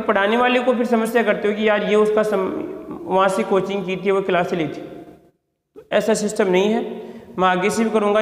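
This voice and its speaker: High-voiced man teaching in an echoey room. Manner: addresses students directly, asks questions and answers them himself; stern scolding of careless students. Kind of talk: online chemistry class.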